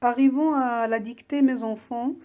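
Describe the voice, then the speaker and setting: A woman teaching young children a reading lesson, saying each word slowly and clearly and patiently breaking it into syllables. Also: on the high side, steady tone, dull audio. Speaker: primary school teacher. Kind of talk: slow classroom lesson read-aloud.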